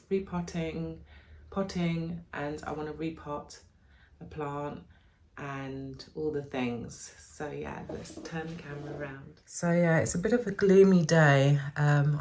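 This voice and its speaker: A woman with a deep, slightly mellow voice sounds stuffy from a cold as she shows off her houseplants in a home vlog. Her plant-care chat is rambling and chatty, and she often corrects herself.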